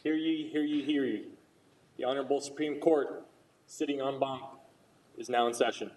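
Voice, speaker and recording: A man's voice: medium pitch, fairly even intonation, moderate pace, a little mellow. A man acting as court crier, making a formal ceremonial proclamation in a courtroom. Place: large courtroom. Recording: echoey hall, distant mic, faint noise.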